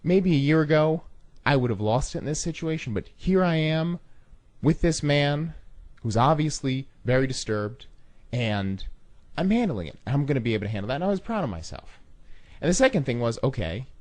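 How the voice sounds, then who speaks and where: A man telling a personal story in an animated way, acting out the scenes. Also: mid-range voice, normal speed, no room sound.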